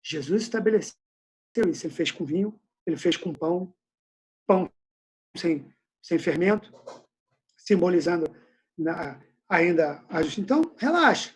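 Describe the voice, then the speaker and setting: A man's voice: high-pitched, lively intonation, moderate pace, pauses often. A male pastor leading an informal Bible study question-and-answer session over a video call from home, talking in a casual, slangy, conversational way.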